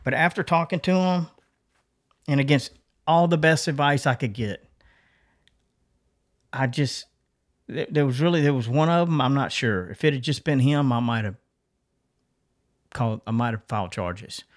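A middle-aged man at an ordinary pitch talks through a personal story on a podcast. He is earnest and informal, often stopping and restarting his sentences as he thinks aloud. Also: normal speed, long pauses. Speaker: podcast co-host. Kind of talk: casual chat, personal story.

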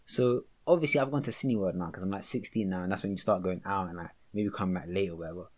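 In a deep voice and at a quick pace, a young Londoner tells stories during a casual chat. His storytelling is animated and thick with slang.

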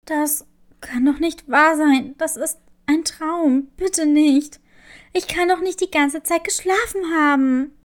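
A woman's voice: extremely high pitch, measured pace, hardly any pauses, darkish tone. A woman voicing a young leopard girl, sleepy and easily upset, in a children's storybook tale. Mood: distraught. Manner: tired, plaintive.

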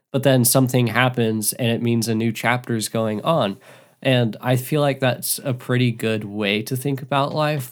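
A man's voice: medium pitch, smooth. Man, book podcast co-host, casual discussion, earnest, winding sentences, thinking aloud.

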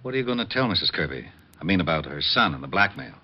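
A man playing a gruff but loyal police lieutenant in an old radio drama, blustery and plain-spoken. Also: sits low, very animated, fast talker. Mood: hesitant, friendly. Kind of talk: 1940s radio detective acting. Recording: muffled old radio recording.

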